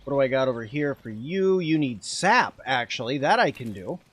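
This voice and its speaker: A man's voice: medium pitch, big pitch swings, moderate pace, slightly rough. A man streaming a game live, talking casually as he plays and answering chat. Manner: chatty, answers chat while playing. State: eating while talking at times.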